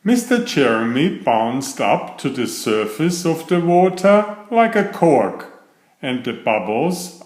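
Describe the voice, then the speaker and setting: A man with a mid-range voice reads a children's story aloud, stretching key words in an expressive, deliberate, dramatic way. He is the story's narrator and author, and the sound is roomy and echoey.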